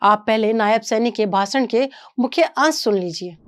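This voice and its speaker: Female news presenter, scripted narration, slightly high pitch, measured delivery. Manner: measured, even reading.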